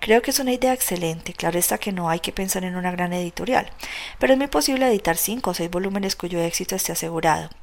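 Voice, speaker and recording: A woman reading the lines of a young man who calmly approves of a plan. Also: on the low side, fast, gravelly. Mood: approving.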